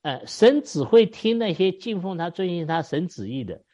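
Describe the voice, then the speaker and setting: A man preaching an expository sermon, telling the story with lively exclamations and wry asides. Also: sits high, normal speed. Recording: dull lo-fi recording.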